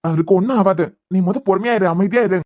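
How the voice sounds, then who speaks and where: A woman voicing a firm, calm young policeman in a cartoon serial, with a Kanyakumari Tamil accent. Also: mid-range voice, fast talker, close to an everyday voice.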